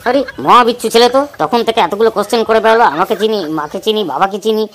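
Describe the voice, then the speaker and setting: A woman's voice: fairly high pitch, animated, rapid-fire, background noise, close to an everyday voice. A woman voicing a short-tempered middle-aged male shopkeeper in a cartoon, scolding and irritable. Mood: irritated.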